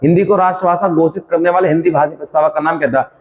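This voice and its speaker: A man's voice: fairly high pitch, fairly even intonation, very fast. A male coaching teacher running a quiz-style exam revision lesson, reading each question and its options aloud, repeating them, then giving the answer. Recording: dull sound with long reverb.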